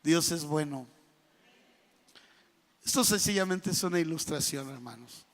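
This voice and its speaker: A man preaching a sermon in a church, telling a parable with lively storytelling and bursts of loud, emphatic speech. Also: on the high side, measured pace. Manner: storytelling preacher, building to shouts when voicing the angry king. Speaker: pastor. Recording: reverberant church hall.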